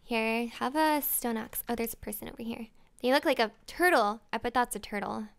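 A woman's voice: fairly high pitch, brisk, creaky, smooth. A young woman hosting casual gameplay commentary, giggly and playfully teasing. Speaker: host.

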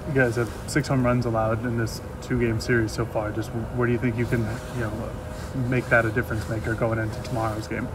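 A male reporter asks a coach questions after a game, loosely and quickly, with fillers. Steady outdoor and traffic noise runs behind him. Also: mid-range voice. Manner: casual questions padded with fillers. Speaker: sports reporter. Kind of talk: press conference questions.

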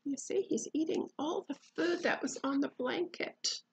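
A woman reading a picture book aloud to a child, pausing to ask gentle questions and dropping to whispers. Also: high voice, vocal fry, noisy background.

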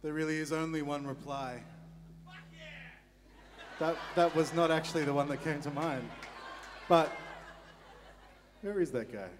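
A man's voice: on the high side, measured pace, long pauses, noisy background. A man fronting a band, bantering wryly on stage and egging on the crowd between songs. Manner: wry, joking, egging on the crowd. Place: indoor concert venue stage. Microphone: stage vocal mic. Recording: live hall reverb with band music.

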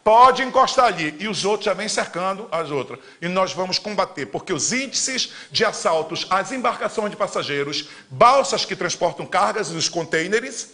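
Paraense guy in his 50s, fired up live stream talk, pretty high voice, gets loud then drops low. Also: lively intonation, normal speed, few pauses. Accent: Paraense Brazilian Portuguese. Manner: emphatic and fiery, swinging between loud declarations and low asides; gestures broadly with his arms while talking. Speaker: politician hosting a live Q&A. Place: indoor studio in front of a green screen.

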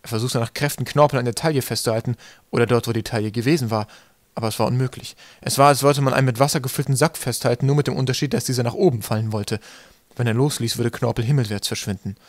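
A man reading an audiobook in calm, steady narration. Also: medium pitch, quick pace, dry recording, clean studio sound. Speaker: audiobook reader. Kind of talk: scripted narration.

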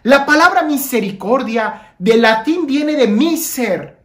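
Woman preacher, slow sermon, near-whisper emphasis, rhetorical questions, roomy echo. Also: sits high, lively intonation. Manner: slow, dramatic, drops to near-whisper on key phrases; asks listeners rhetorical questions, leads breathing prayer. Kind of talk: Lenten mission sermon.

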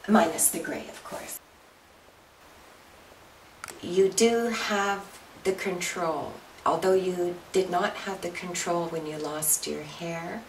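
A woman in her fifties, interviewed at home, speaking in an earnest, encouraging way. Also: fairly low pitch. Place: home kitchen. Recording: roomy, distant, noisy.

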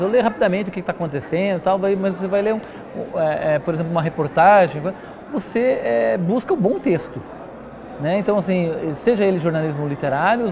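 A Brazilian-accented man in his forties, a literary newspaper editor, answers interview questions as a guest. He speaks in a high voice, emphatic and conversational, with repetition and frequent tag questions.

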